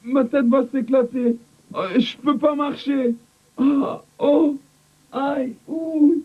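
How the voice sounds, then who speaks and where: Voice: sits high, fairly even intonation, takes it slowly. An actor playing a little boy in a children's cartoon, groaning and pleading as if sore and aching, on dull VHS audio. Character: cocky little boy, whining in pain after a fall.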